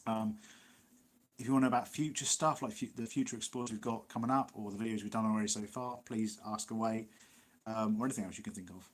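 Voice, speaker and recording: Husky East Midlands man chatting live. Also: on the low side, fairly even intonation, quick pace. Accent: East Midlands English. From Nottinghamshire, England. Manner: rambling, chatty, laughs often. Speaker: livestream host. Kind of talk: casual live Q&A chat.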